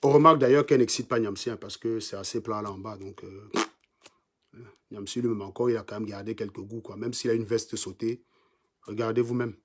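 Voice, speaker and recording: A livestream host with a Cameroonian French accent speaks in a fairly low, fairly bright voice, fairly quick and with fairly even intonation. He mocks and insults his commenters in a combative rant, repeating lines for emphasis.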